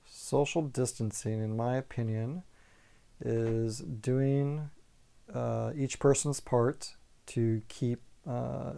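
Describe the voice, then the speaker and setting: Gravelly man in his forties. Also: mid-range voice, steady tone, takes it slowly, dark tone. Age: 40s. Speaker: interviewee. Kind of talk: documentary interview answers.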